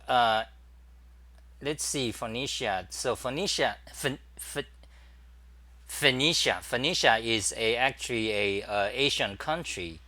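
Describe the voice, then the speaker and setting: A man hosting a casual livestream, demonstrating his computer workflow and greeting viewers, talking haltingly with many fillers and restarts. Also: fairly low pitch, pushed and bright, no echo. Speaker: talk show host. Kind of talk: casual screen-share livestream.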